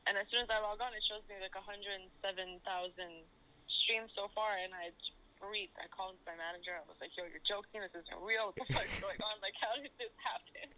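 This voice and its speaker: A man's voice: high voice, fairly even intonation, fairly quick, bright, forceful tone. A young adult man, a musician guest, talking loosely over a phone line and often saying "like". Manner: loose, rambling, leans on "like". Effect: heard over a phone line. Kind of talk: casual phone interview.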